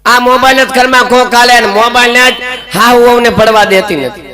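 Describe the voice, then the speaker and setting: A man in a folk stage comedy, voicing a boastful, sharp-tongued older mother-in-law who teases and scolds. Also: very high voice, a little fast. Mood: scolding. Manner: teasing, scolding, bragging. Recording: live stage show with loud crowd.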